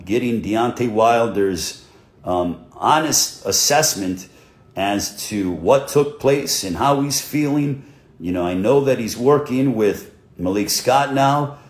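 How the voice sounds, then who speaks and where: A male host runs a livestream interview in a brisk, upbeat way. He fills the gaps with plenty of fillers as he frames his questions. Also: mid-range voice, a little mellow.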